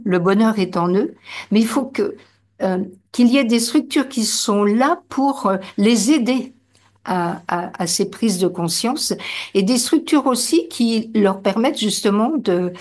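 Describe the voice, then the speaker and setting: A woman's voice: medium pitch, darkish tone. A woman speaking as a guest in a panel discussion, earnest and emphatic, with many hesitations.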